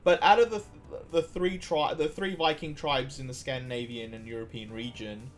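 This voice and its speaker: A man's voice: medium pitch, steady tone, moderate pace, faint music behind. A man from Iceland streaming a game, chatting casually and drifting into long trivia asides with frequent restarts. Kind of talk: casual gameplay commentary.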